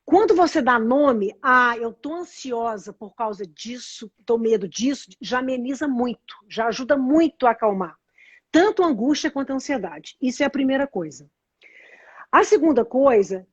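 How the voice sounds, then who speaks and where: A woman's voice: high-pitched, lively intonation, fairly quick, husky, no echo, muffled recording. A woman with a Brazilian Portuguese accent, hosting a casual live chat and earnestly explaining ideas while often restarting her phrases. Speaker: host explaining meditation and nonviolent communication.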